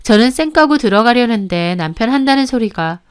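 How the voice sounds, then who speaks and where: Woman narrator, smooth clear voice, plain first-person storytelling. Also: fairly high pitch, lively intonation, a little fast.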